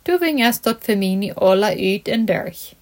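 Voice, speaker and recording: A woman's voice: medium pitch, lively intonation, normal speed, darkish tone, close to an everyday voice. A woman reading as a discouraged young footballer. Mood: resigned.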